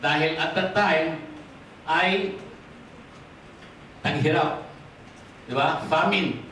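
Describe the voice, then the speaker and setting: A man with a Filipino accent preaching a sermon as pastor, switching freely into English, rising to stress points and dropping low and quiet to close them. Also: very slow, slight background noise. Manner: mixes in English, asks the congregation for amens. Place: church hall. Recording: echoey hall from far off.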